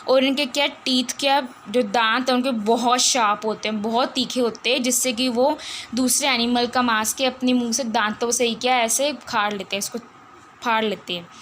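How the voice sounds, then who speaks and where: Indian lady science teacher, reads slow then explains in hindi-english mix, asks herself stuff, slight hiss. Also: on the high side, fairly even intonation, fairly bright tone. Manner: repeats words and asks rhetorical questions. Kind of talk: classroom lesson, reading text then explaining.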